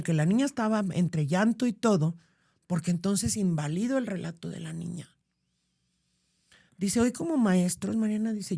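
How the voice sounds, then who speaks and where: A middle-aged woman tells a story in relaxed podcast conversation. She is animated and slips into the voices of the people she quotes. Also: mid-range voice, vocal fry. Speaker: podcast guest.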